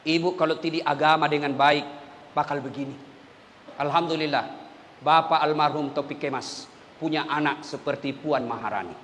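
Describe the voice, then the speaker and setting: A man preaching an animated, emphatic sermon, dropping to soft asides. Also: on the high side, normal speed, big-room sound, a little hiss or hum.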